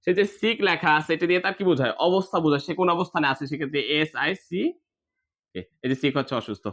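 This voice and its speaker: A man's voice: a little high, rapid-fire, a bit bright. A man teaching grammar to a class, spelling words out letter by letter and answering his own questions.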